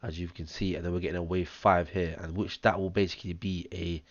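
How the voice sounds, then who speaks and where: A man with a hoarse, chesty voice, talking step by step through a chart analysis on a close mic, counting out waves with many ums. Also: low voice, little pitch movement, quick pace, no echo, highs cut off. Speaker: trading analyst. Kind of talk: screen-share chart analysis. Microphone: close mic, audible breathing.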